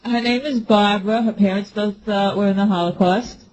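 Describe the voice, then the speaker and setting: A woman appearing as a studio guest on a talk show, speaking in a hesitant, halting way with many restarts. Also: medium pitch, fairly even intonation, a little mellow, dull audio, slight background noise.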